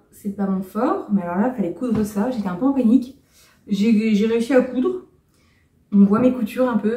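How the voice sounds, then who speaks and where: A woman's voice: medium pitch, dark tone. A woman chatting casually on her knitting vlog at home, showing her finished cardigans in a rambling, light, self-mocking way. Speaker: knitting vlogger. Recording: roomy sound from a distance.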